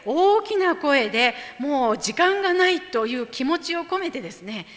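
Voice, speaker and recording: Bright, high woman interpreting in a hall. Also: a little fast. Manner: lively, expressive, restates each phrase for the congregation. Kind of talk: live sermon interpretation. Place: church hall. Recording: echoey hall.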